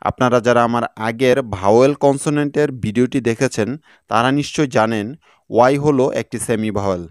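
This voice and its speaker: A man teaching English pronunciation in a video lesson, spelling words out slowly and carefully syllable by syllable. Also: medium pitch, clean tone, dry recording, clean studio sound.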